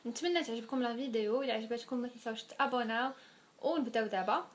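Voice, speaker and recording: A fairly high-pitched woman in her twenties with a Moroccan accent talks rapid-fire, casually answering viewers' questions in a vlog and dropping French words into her speech. There's slight background noise.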